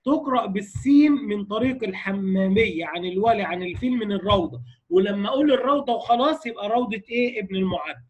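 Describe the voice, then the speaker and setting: Egyptian male recitation teacher, high voice, explains step by step and keeps checking that students follow. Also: fast, muffled recording, crowd noise. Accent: Egyptian Arabic. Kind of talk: lecture on recitation variants.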